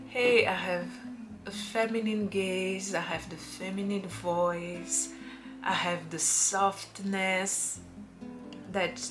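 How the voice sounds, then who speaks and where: A perfume reviewer with a lowish voice talks unhurriedly in a casual recommendation vlog, music playing beneath her. She stretches out her phrasing and slips in playful acted quotes.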